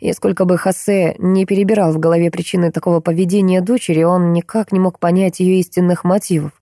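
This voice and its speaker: Woman audiobook narrator, low and warm, measured delivery, dry close recording. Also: dry recording. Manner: measured, steady storytelling. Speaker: audiobook reader. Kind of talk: scripted narration.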